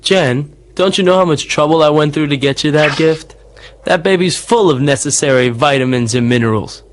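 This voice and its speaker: A man's voice: a little high, moderate pace, slight background noise, lightly acted. An actor playing a cocky, defiant teenage boy who likes to tease, in an English anime dub.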